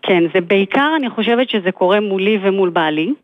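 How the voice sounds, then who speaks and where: A woman's voice: mid-range voice, lively intonation. A mother describing a problem to an advisor, speaking hesitantly with many fillers. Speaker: mother seeking advice. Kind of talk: consultation call. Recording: tinny phone line.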